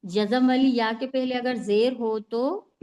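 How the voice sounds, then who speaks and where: Over an online class call, a woman teaches the rules of Quran recitation slowly, her slightly high, dark voice keeping a fairly even intonation. She patiently repeats the rules and keeps asking "है ना?" to check that students follow.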